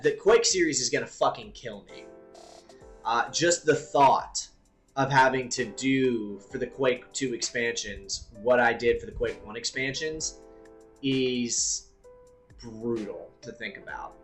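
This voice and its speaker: A man with a mid-range voice hosts a live stream, chatting casually and thinking out loud, with an occasional swear word.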